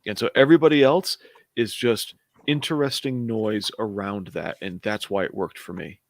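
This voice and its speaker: Low-voiced man reviewing a comic. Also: normal speed, gravelly, dry recording. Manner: thoughtful, circles back to his point. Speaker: co-host of a comic book show. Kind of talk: casual chat reviewing a comic. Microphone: video call.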